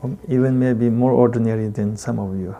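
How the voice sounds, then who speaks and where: A man with a heavy Tibetan accent, a native Tibetan speaker, giving a Buddhist dharma talk as a teacher in halting, deliberate phrases with long pauses. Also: medium pitch, steady tone, mellow.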